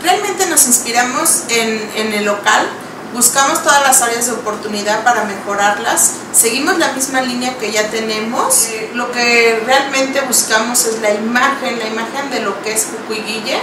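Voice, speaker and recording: Heartfelt woman, slightly high voice, roomy. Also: moderate pace. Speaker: salon owner. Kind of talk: seated interview. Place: indoor studio with bookshelves. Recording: roomy sound, distant mic, noisy.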